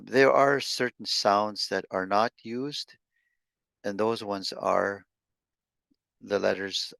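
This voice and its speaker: A man leads an online language lesson, speaking in an unhurried, gravelly low voice. He sounds out syllables one by one, pausing and restarting often. The sound is dry and close, as on a video call. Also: fairly bright tone, no echo. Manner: slow, halting, with many restarts while sounding out syllables. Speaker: language teacher.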